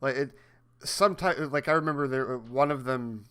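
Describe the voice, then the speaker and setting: A male podcast co-host talking in a loose, casual way. His voice sits at a middle pitch, and he stumbles through repeated words and restarts before getting his point out. He laughs easily as he goes. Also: moderate pace, a bit bright, clean tone. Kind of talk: casual chat.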